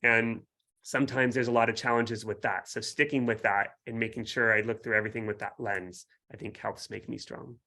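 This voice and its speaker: A man with a bright, forward voice at a medium pitch talks casually as a guest author. He explains things in a friendly, enthusiastic manner. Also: little pitch movement, brisk. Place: home basement.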